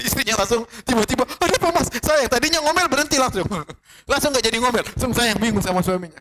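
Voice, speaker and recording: A man giving a religious lecture as a preacher, telling stories lively, quoting Arabic and joking with the audience. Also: very high-pitched, quick pace, slight background noise. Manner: lively storytelling, quotes Arabic, jokes with audience.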